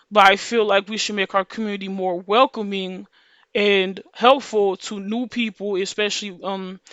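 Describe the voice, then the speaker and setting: A video creator with a voice deeper than most women's, yet smooth and bright, rambles casually to her viewers in slang, restarting and repeating phrases. The recording is close and dry with no echo.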